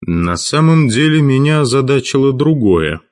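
A man voicing a stern male chief of mages who speaks dryly and in a measured way, in an audiobook. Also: mid-range voice, sing-song, a little mellow, voice pushed up, natural voice. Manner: dry, measured.

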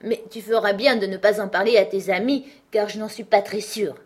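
A woman's voice: mid-range voice, fairly quick, lightly acted. Alice, a chatty young girl, as a woman reads her. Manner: lively, scolding her cats fondly.

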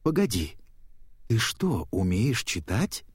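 A man's voice: fairly low pitch, sing-song, takes it slowly, slightly rough, no room sound, clean studio sound, full character voice. A man voicing a worried, anxious father fish with an urgent, raised voice, reading a storybook aloud. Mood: startled.

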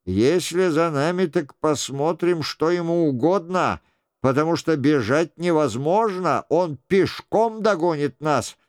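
A man's voice: on the high side, unhurried, no room sound, studio quality, lightly acted. A man reading the part of a hot-tempered young nobleman who swears boldly and speaks warily in a storybook reading.

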